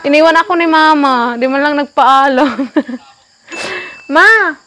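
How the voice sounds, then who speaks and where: High-voiced playful young woman vlogger. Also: slow. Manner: playful teasing, frequent joking asides. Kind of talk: casual cooking vlog. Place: outdoors on a family farm. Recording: loud insect and cricket noise.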